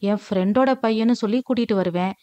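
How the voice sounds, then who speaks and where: A woman reading aloud, voicing a quick-witted young wife who teases in lively banter, in a story recording. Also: mid-range voice, no echo, lightly acted. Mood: playful.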